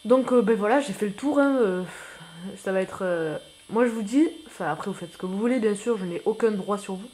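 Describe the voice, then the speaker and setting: Speaking a little fast in a high register, a man new to YouTube rambles through casual commentary on his gameplay, mocking himself, tossing out slang, and yelling excitedly at the game.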